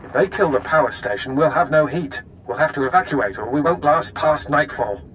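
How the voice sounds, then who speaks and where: An actor playing a ruthless, commanding imperial military officer in a video game, with clipped, menacing authority. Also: male voice, a little high, a little fast, a bit bright, slight background noise, close to an everyday voice, low-quality recording. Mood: urgent.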